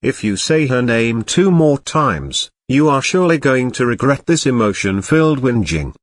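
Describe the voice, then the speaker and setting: A man giving scripted reaction commentary in a dry, sarcastic, measured way. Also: medium pitch, sing-song, no room sound. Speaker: commentary channel host.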